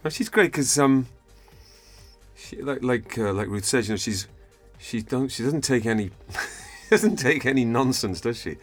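A man guesting on a casual studio interview, chatty and wry, halting with fillers. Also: medium pitch, expressive, faint music behind. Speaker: actor guest. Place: recording studio.

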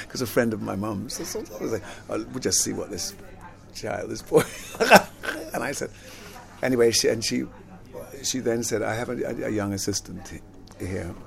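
Gravelly low-voiced older man, rambling. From Jamaica, grew up in London. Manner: rambling, repeats words, laughs often. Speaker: actor and singer, interview guest. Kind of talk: relaxed conversational interview.

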